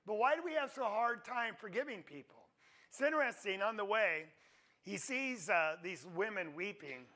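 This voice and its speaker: A man's voice: sits high, expressive, normal speed, sharp tone. A man teaching a Bible class in a conversational way, often asking his listeners questions. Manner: conversational, asks the audience questions. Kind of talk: interactive Bible class sermon.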